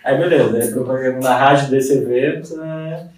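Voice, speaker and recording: A man's voice: mid-range voice, moderate pace, far from the mic. Slangy brewmaster man in an echoey room. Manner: slangy, animated storytelling. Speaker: brewmaster guest. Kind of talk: casual podcast chat.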